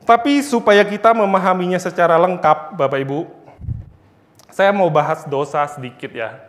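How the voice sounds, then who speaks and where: Male Bible teacher, high voice, earnest storytelling sermon. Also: normal speed. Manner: earnest, storytelling with repeated phrases.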